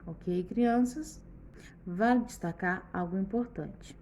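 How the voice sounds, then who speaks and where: A woman teaches a schoolbook lesson to young children, working patiently through each example and checking that they keep up. Her voice has a gravelly, fry-tinged edge at a middling pitch. A faint hum of background noise sits behind her. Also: takes it slowly, darkish tone. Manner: patient, explains step by step, often checks in with the children.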